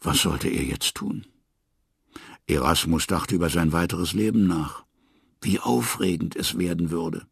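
A man reading a children's story aloud in an expressive, lively way. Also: low-pitched, a little slow, creaky, husky, dry recording, clean studio sound.

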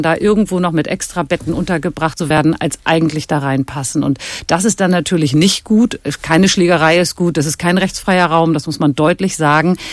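A man's voice: fairly high pitch, dry recording. A man answering as an expert guest, thinking aloud with many fillers. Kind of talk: casual spoken explanation.

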